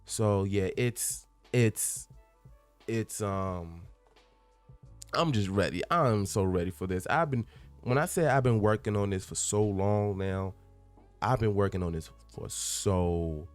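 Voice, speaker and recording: A man's voice: low-pitched, lively intonation, measured pace, soft background music. A man in his twenties hosting a casual solo podcast from a room at home, talking earnestly and rambling, often restarting and repeating himself for emphasis. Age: 20s. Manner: earnest and candid, with bursts of laughter. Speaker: podcast host. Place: room at home among packed boxes.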